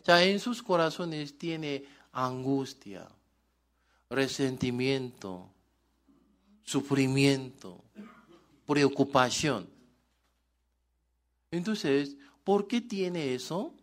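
Slow-preaching male pastor. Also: medium pitch, animated. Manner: preaching with questions to the congregation; simplified Spanish grammar, dropped articles. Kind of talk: sermon.

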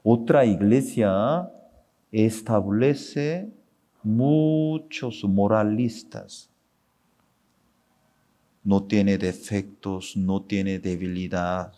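A man's voice: lowish voice, warm tone. A male pastor preaching a sermon with emphatic exclamations, acting out voices of the people he quotes. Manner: acts out quoted dialogue in the talk. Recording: long hall reverb.

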